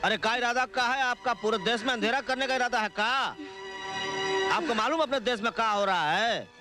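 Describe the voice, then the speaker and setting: A crude politician. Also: male voice, very high-pitched, moderate pace, music in the background. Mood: bossy. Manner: boastful, bossy, rustic speech. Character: crude lecherous middle-aged male politician. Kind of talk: Hindi film dialogue.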